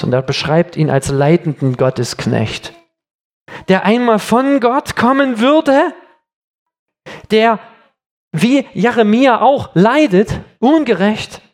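A man preaching an earnest sermon, speaking emphatically and slowing down for dramatic weight. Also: sits high.

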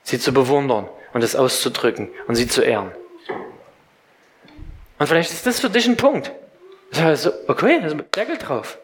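A man's voice: medium pitch, moderate pace, long pauses, slight background noise. A middle-aged man preaching a sermon to a congregation in a church, speaking directly to listeners and telling stories about his children. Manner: lively storytelling preacher, direct address. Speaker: pastor.

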